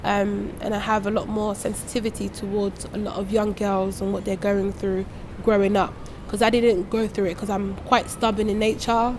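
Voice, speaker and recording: Earnest woman actress, noisy background. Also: medium pitch. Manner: thoughtful, earnest, light laughs. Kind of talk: reflective interview talk.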